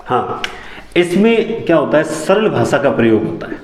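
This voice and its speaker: A man teaching a lesson, who repeats key phrases back as questions and sometimes talks fast enough that his words tangle. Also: on the high side, very animated, roomy sound, slight background noise. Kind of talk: classroom lecture on teaching methods.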